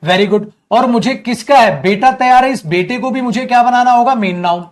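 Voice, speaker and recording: A man teaching English grammar in an online coaching class, lively, calling students "beta" and answering his own questions. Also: very high-pitched, moderate pace.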